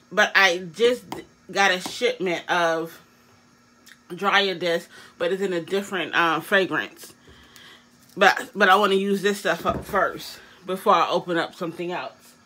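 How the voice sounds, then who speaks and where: A woman's voice: on the low side, a little slow, pushed and bright, a little hiss or hum. A woman giving a casual product demonstration, her articulation slightly awkward as she talks with new braces in her mouth. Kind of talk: casual product demo chat.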